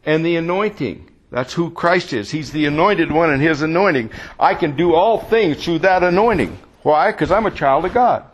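A man's voice: a little high, lively intonation, moderate pace, hardly any pauses, slight background noise. A man preaching a sermon in a conversational way, often asking the congregation questions and repeating words as he searches for phrasing.

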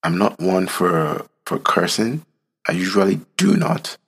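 A man, from Nigeria, telling his own story in slow, solemn, reflective narration. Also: low voice, big pitch swings, slightly rough. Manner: slow, solemn, deliberate delivery.

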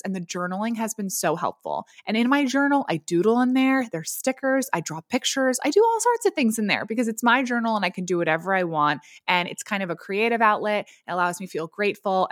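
A woman in her thirties talks candidly on her own podcast, running through her routines one item at a time. Her voice sits at a middle pitch. The sound is dry, with almost no room echo. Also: a bit bright. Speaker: podcast host. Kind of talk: solo podcast, answering listener questions. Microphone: studio podcast mic.

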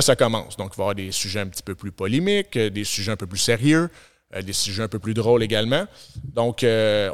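Québécois man, podcast co-host, smooth resonant voice, keen and explanatory. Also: medium pitch. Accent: Québécois French. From Quebec. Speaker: podcast co-host, gym owner. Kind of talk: casual chat.

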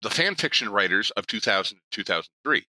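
Young man, podcast co-host, very bright tone, dry close sound, animated, laughs and swears. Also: on the low side, quick pace, no echo, poor audio. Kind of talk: casual chat.

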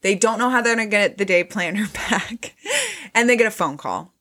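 Woman podcast co-host, bright voice, chatty, says like a lot, swears. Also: medium pitch, animated, moderate pace. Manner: chatty and loose, full of "like", swears freely. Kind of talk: casual chat recapping a movie.

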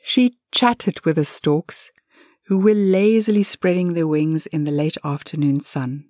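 A woman reads a storybook aloud in a gentle, very unhurried voice that sometimes slips into a whisper. Her tone is soft and a little low. The sound is close and dry with no room around it. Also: no echo. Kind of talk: storybook narration.

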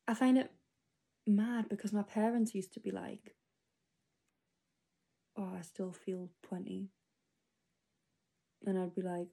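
A woman's voice: medium pitch, vocal fry, warm tone. A 25-year-old woman rambling through a spoken diary entry, casual and full of fillers. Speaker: podcast host.

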